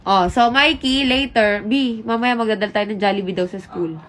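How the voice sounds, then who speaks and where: A woman's voice: medium pitch, moderate pace, a bit bright, rough recording. A woman with a Filipino accent vlogging casually, chatty and talking straight to her viewers, sounding stuffy from the flu. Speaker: vlogger and mother. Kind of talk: casual vlog chat.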